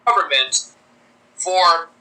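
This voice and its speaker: Bright-voiced man making a stiff legal-sounding complaint. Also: a little high, slow pace, rough recording. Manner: stiff, pseudo-legal wording. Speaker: man in a played clip. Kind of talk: formal complaint speech.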